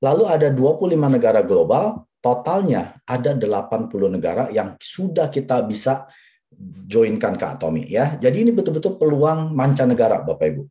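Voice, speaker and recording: Man, forties, persuasive seminar presenter, animated intonation, warm dark voice. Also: medium pitch, fairly quick, highs cut off. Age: 40s. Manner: persuasive, addresses audience as "Bapak Ibu", repeats points. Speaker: business presenter. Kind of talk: sales seminar talk.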